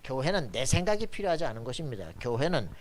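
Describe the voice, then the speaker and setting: A man's voice: medium pitch, big pitch swings, fast talker. A man preaching a sermon as pastor, emphatic and colloquial, often asking his congregation for agreement. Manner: emphatic preaching with frequent "그죠?" tag questions; colloquial, blunt asides.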